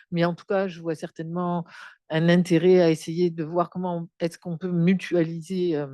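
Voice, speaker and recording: A woman's voice: fairly low pitch, dark tone, no room sound, studio quality. A woman research director making a spontaneous comment from the audience at a conference.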